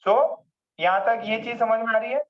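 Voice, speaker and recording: A man's voice: very high-pitched, fairly even intonation, normal speed. Man teaching physics, muffled lo-fi sound. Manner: asks the class questions and answers them himself, repeating key words. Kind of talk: classroom lecture in mixed Hindi and English. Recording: muffled lo-fi recording.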